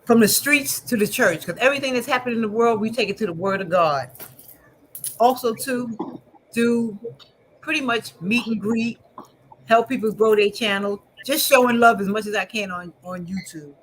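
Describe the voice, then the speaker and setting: A woman's voice: on the high side, normal speed, slight background noise, poor audio. Proud upbeat woman in her sixties. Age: 60s. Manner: proud, upbeat, self-promoting. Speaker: motivational speaker. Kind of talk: casual self-introduction. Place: online group voice call.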